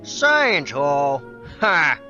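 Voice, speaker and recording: A man playing a cocky high-school bully in a hammy dramatic reading, mocking and brash. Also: sing-song, drawn-out words, heavily acted. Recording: roomy, dull lo-fi, music behind.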